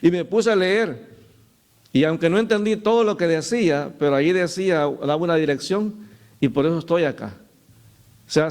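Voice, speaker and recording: A man's voice: on the high side, a little mellow. A middle-aged man preaching a sermon as pastor, telling stories and calling his listeners "brother". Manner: storytelling, addresses listeners as "hermano".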